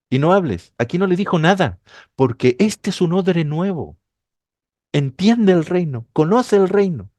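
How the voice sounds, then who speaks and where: A man's voice: high voice, dark tone, no echo. A man preaching a sermon, explaining a passage to his congregation and rising to emphatic peaks.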